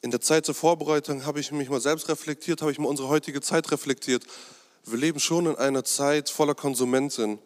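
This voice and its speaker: A man preaching a sermon in a conversational, hesitant way, with many fillers and asides joking with the congregation. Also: a little high. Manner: jokes with the congregation. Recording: long hall reverb.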